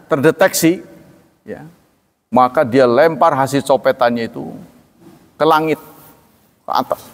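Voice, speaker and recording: Man teaching hadith in reverberant hall. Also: fairly high pitch. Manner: folksy, storytelling with acted quotes. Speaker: Islamic teacher. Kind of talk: hadith study lecture.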